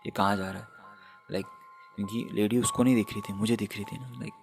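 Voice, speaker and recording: A young man tells his own ghost story in a relaxed, chatty way, speaking right to his audience. His voice is low and gravelly with a flat, even delivery. Faint music plays underneath. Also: brisk. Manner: chatty, sprinkles English fillers, addresses viewers as guys. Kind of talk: casual first-person horror story telling.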